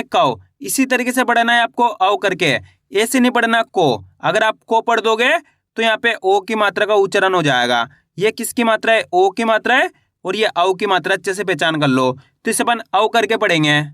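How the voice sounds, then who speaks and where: A man's voice: high-pitched, bright, forceful tone, no echo, studio quality. A man teaching a step-by-step reading lesson, asking questions and answering them himself while drawing out each sound.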